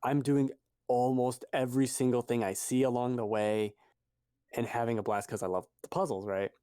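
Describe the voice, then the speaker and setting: A man's voice: medium pitch, little pitch movement, normal speed, dark tone, clear, resonant tone, dry recording, studio quality. A man co-hosting a podcast in casual chat, rambling and correcting himself as he goes. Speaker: podcast co-host.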